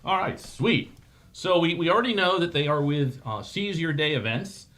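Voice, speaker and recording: Lively joking man hosting a show. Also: fairly high pitch, normal speed. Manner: joking, animated, with frequent restarts. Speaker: host. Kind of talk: casual chat show hosting.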